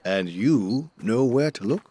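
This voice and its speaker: An actor playing Dr. Watson, a loyal, earnest gentleman who narrates and talks in a measured storytelling manner for an audio drama. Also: medium pitch, lively intonation, breathy edge. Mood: puzzled, questioning.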